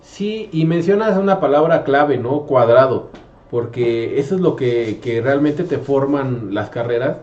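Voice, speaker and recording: A man's voice: mid-range voice, expressive, unhurried, a little mellow. A man, a math teacher hosting a casual conversation, rambling with many fillers and restarts. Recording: roomy, slightly dull sound.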